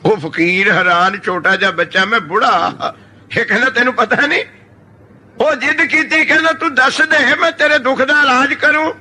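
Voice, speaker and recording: A middle-aged Sikh preacher, telling parables to his congregation. His voice sits high for a man and rings very bright. He acts out the people in his stories with lively, animated delivery. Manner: animated storytelling, acts out quoted figures, calls congregation. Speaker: Sikh preacher giving scripture commentary. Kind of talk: sermon with told parables.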